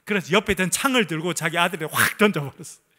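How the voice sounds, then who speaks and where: A male pastor preaching a sermon with animated storytelling, asking the congregation questions as he goes. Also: sits high, rapid-fire. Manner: animated storytelling preacher, voices the quoted figures. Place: church service.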